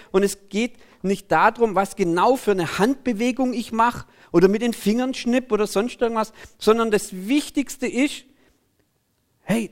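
A man preaching a sermon in an animated, conversational way, often breaking in with 'hey'. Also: high voice.

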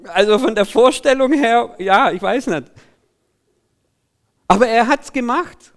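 A man preaching a sermon in an animated, conversational way, often breaking in with 'hey'. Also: extremely high pitch, unhurried.

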